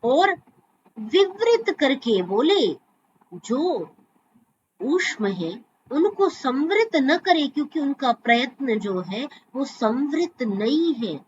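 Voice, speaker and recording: Slow, careful woman teaching Sanskrit pronunciation. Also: high voice, big pitch swings, darkish tone, dull audio, slight background noise. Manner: demonstrates pronunciation, stretching sounds carefully. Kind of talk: slow explanatory lesson with recited verses. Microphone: video call.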